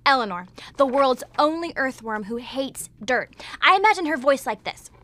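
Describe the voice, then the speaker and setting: Animated high-voiced young woman storyteller, exaggerated intonation. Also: normal speed, slight background noise. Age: young adult. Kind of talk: children's storytelling to camera. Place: furnished indoor studio set.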